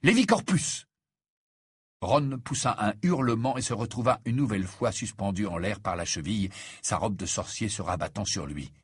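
A man reading a novel aloud as audiobook narrator, measured and expressive. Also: lowish voice, breathy edge, no room sound, studio quality. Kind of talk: scripted narration.

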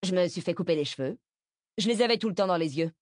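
A woman reading an audiobook voices a defiant teenage boy who presses his mother for answers in a firm, lowered voice. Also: lively intonation, fast, a little mellow, no echo, studio quality, lightly acted.

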